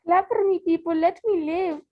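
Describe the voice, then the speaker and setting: A woman's voice: very high-pitched, moderate pace, muffled recording. A woman playing a naive, greedy, dim little boy in a comic school stage play. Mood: pleading. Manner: naive, pleading.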